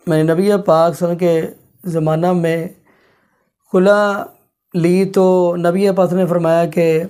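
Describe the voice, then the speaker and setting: A man's voice: high-pitched, warm tone. A male channel host speaking to viewers in a formal way as he comments on a clip and cites hadith numbers.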